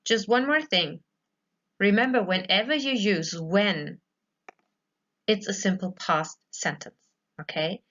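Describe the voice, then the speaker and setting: A woman's voice: mid-range voice, slow pace, long pauses, fairly bright tone, highs cut off. Patient woman teaching English. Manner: patient, explains step by step, often checks with "okay?". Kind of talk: recorded grammar lesson for pupils.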